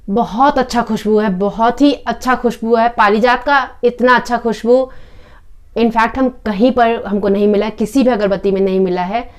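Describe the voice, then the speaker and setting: Calm woman reviewing a product. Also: fairly high pitch, clear, resonant tone. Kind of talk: casual product review with live demo.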